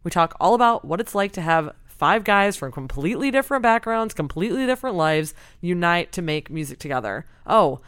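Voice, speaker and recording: Upbeat woman podcast host, smooth voice. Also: fairly low pitch, lively intonation, brisk, few pauses, a bit bright, no room sound, studio quality. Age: young adult. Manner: upbeat, laughs often. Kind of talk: casual chat and interviewing.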